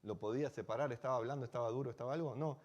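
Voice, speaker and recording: A man's voice: mid-range voice, racing, darkish tone. A man with a Rioplatense Spanish accent, a rabbi telling a story in a sermon, chatty and full of rhetorical questions. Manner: conversational, asks rhetorical questions.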